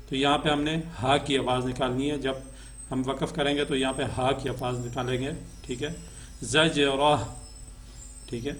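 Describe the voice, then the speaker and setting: A man teaching a Quran reading lesson. He chants letters and syllables slowly and melodically, then explains quickly, often checking in with a short "okay". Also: medium pitch, slight background noise. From Pakistan.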